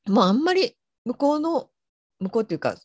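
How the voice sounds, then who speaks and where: A woman's voice: a little high, sing-song, brisk, a little mellow, slightly rough, no echo, studio quality. A middle-aged woman with a Fukushima accent, co-hosting a podcast in casual, chatty conversation and laughing easily. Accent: Fukushima Japanese. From Fukushima, Japan. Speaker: podcast co-host. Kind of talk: casual chat.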